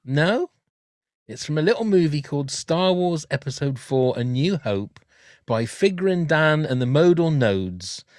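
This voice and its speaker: A man's voice: on the high side, expressive, a little slow, darkish tone, dry recording, clean studio sound. A man hosting a podcast in casual chat, chatty and laughing often. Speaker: podcast host.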